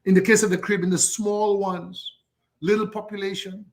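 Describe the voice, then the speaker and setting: An older man from Dominica, a guest commentator on a political talk show, speaks fierily and piles up repeated rhetorical lists. His voice is high-pitched and his delivery flat at a moderate pace.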